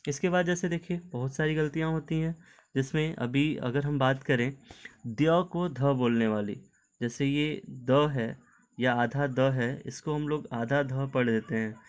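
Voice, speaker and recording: Patient Hindi teacher, man, mid pitch. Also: measured pace. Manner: explains patiently, repeating "ठीक है" often; mixes English words into Hindi. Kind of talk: online video lesson.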